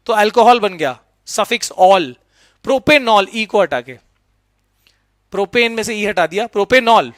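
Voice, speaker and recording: A middle-aged man teaching chemistry in a lively lecture, often checking in with "right?" and mixing English terms into his talk. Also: sits high, no echo, studio quality. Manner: lively, keeps asking students "right?"; mixes English terms into Hindi. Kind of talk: explanatory classroom lecture.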